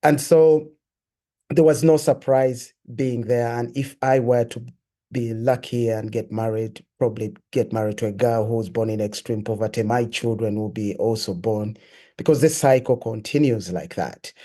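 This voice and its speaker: A man from Uganda, a guest sharing his life story in an interview, telling it in a reflective, earnest and measured way. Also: medium pitch, steady tone, warm tone. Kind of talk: personal testimony in an interview.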